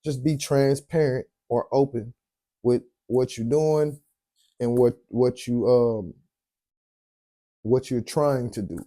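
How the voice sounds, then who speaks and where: A tired man with a very dark, mellow voice talks in a laid-back, rambling way, trailing off with ums while he hunts for words. He chats casually, like a late-night host winding down. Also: medium pitch, slow, pauses often. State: tired, yawning. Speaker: podcast host.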